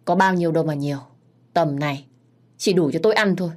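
A woman's voice: low-pitched, fast, close to an everyday voice. A woman reading a story, voicing a hot-headed, stubborn young man who talks bluntly and combatively. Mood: grumbling.

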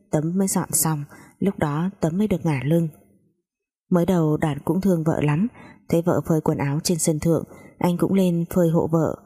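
A woman narrating a family story in a calm, even storytelling voice. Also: low voice, husky.

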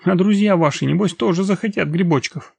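A man voicing a sharp young female bodyguard who plays coy and playful, in an audiobook reading. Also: sits high, brisk, creaky, husky, no room sound, voice pushed up, heavily acted. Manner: coquettish, playful.

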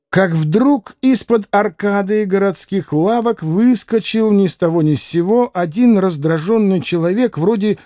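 A man reading a novel aloud as an audiobook, with expressive storytelling. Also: sits high, dry recording, studio quality. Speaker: audiobook reader. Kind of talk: scripted narration.

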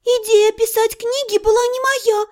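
A woman voicing a frightened young female mage who squeaks and babbles in fear. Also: fairly even intonation, moderate pace, a little mellow. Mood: flustered. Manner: squeaky, bleating, flustered.

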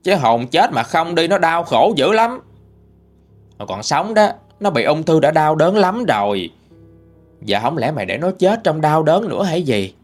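An angry uncle shouts accusations in a lively, rising voice, as a male storyteller puts him on. Soft music plays faintly under the telling. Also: on the high side, a little slow. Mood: angry scolding. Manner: loud, accusing, heated. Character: angry middle-aged uncle scolding his sister.

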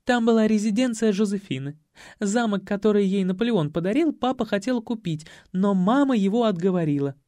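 A man's voice: sits high, brisk, warm tone, dry recording, clean studio sound, pitched above the performer's own voice, close to an everyday voice. A man voicing a breezy young woman. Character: young woman spinning a fanciful story, airy.

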